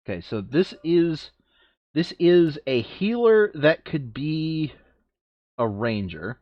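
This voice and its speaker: Hosting a board game video, a man chats casually while sorting game cards, thinking aloud and often correcting himself. His fairly high voice swings widely in pitch and moves slowly, and the recording is muffled with no echo.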